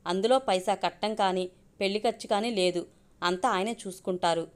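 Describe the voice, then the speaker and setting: A woman's voice: medium pitch, brisk, lightly acted. Woman reading as a naive younger sister. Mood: confiding.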